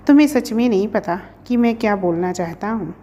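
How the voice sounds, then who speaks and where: A woman's voice: mid-range voice, expressive, a little fast, mellow, lightly acted. A woman reading a storybook, voicing a young male professor who pleads and teases his sweetheart. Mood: earnest. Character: young man, a professor, earnest and teasing lover.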